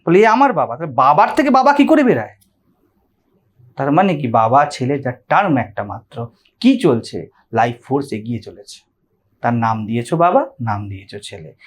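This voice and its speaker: A man gives a sermon on scripture, speaking in a fairly high voice that swings widely in pitch. He talks conversationally and keeps putting questions to his listeners. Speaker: spiritual teacher.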